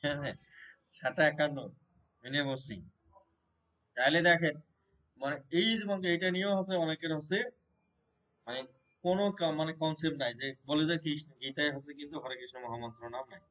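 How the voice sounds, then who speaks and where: A man's voice: a little high, fairly quick, long pauses, fairly bright tone, poor audio. A man teaching a devotional scripture class in a temple, explaining point by point and often checking with his listeners. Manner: explains by questioning listeners, repeats and restarts. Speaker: Gita teacher. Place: Shiva temple gathering.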